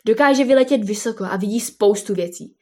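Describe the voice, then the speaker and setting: An indignant female llama who snaps and hisses with anger, played by a woman reading a storybook. Her voice sits a little high and bristles with fury. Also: natural voice. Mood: furious. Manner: snapping, hissing with anger.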